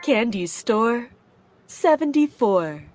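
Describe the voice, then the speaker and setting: A woman calling bingo numbers with their rhyming calls, slow and measured. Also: a little high, sing-song. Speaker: bingo caller. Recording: loud music playing underneath.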